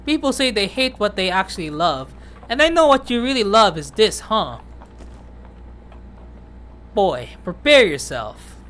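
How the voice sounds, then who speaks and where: A woman doing a domineering shogun in a game read-through, grown man, smug and gloating as he teases, delivered in a middling pitch. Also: very animated, unhurried, pauses often, a bit bright.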